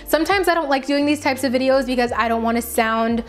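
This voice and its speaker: A woman beauty vlogger reviews products to camera in a casual, chatty, emphatic way. Her high-pitched voice moves at a quick pace and sounds slightly raspy and tired from talking.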